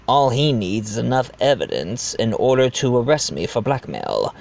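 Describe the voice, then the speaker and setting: A man's voice: medium pitch, wildly swooping pitch, moderate pace, creaky, darkish tone, dull audio. A man playing a genteel, blackmailing manor owner who confides in the listener in an amateur audio drama. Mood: wry, confiding. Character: blackmailing manor owner, self-aware, genteel adoptive father.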